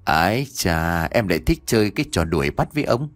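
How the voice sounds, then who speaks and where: A man's voice: sits low, big pitch swings, brisk, no room sound, studio quality, pitched below the performer's own voice. A man doing a drunk, cruel old official. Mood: leering. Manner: slurring, leering, then menacing threats.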